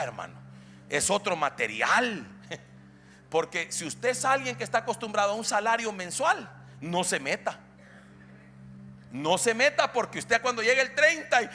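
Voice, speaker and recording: A man with a Salvadoran accent preaching a sermon as an apostle, folksy and animated, acting out the voices of people he quotes and building to loud, emphatic preaching. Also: high voice. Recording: church hall reverb with faint music.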